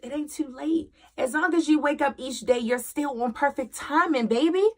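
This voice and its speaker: Hosting a motivational talk as a single mother, a woman with a high-pitched voice speaks at a moderate pace. Her delivery is emphatic and repetitive, shifting between loud encouragement and hushed confession.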